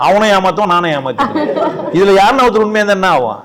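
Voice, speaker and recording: A man giving an informal spiritual talk at a satsang, animated and full of rhetorical questions, often laughing as he speaks. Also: high-pitched, fast, heavy background noise. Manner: laughs often while talking.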